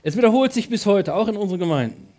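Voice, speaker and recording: A middle-aged man preaching a sermon with a lively, colloquial delivery that swings between loud and soft. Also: high-pitched, racing.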